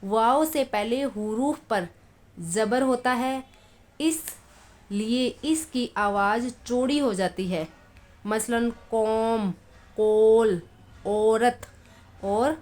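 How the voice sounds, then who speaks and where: A woman's voice: fairly high pitch, animated. A woman teaching a lesson, reading example words one at a time and explaining patiently. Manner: patient, repeats examples slowly, then explains quickly. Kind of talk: Urdu phonetics lesson.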